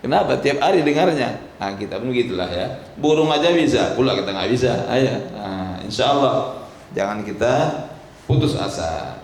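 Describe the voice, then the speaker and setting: A man teaching Quran pronunciation, slow and patient, chanting drawn-out recitation examples. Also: medium pitch, lively intonation, creaky. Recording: echoey hall with faint noise.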